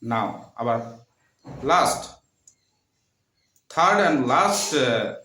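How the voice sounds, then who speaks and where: A man teaching a literature lesson, speaking haltingly, with frequent fillers and repeated terms. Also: medium pitch, lively intonation, pushed and bright, slight background noise. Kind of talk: classroom lecture. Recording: echoey room.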